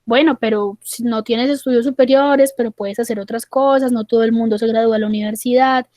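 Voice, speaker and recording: A woman quoting a calm male psychologist who patiently reassures his patient, in a dry recording. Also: a little high, fairly quick, no echo, natural voice. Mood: reassuring.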